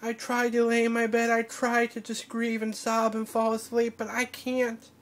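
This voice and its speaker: Crying woman, flat halting voice. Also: fairly high pitch. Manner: halting, with broken-off restarts. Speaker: vlogger. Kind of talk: personal video diary.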